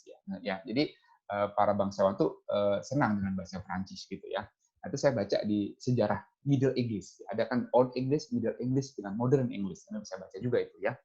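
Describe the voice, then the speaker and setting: A man's voice: on the low side, a little mellow, muffled recording. A man giving a lecture over slides, explaining point by point and dropping "ya" and "nah" between phrases. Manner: explains step by step, often adds "ya" and "nah".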